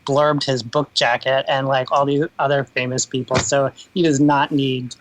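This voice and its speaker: A man's voice: mid-range voice, level tone, normal speed, a little hiss or hum, low-quality recording. A man in his fifties, a podcast guest, talking casually with many fillers and asides. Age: 50s. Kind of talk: casual interview talk.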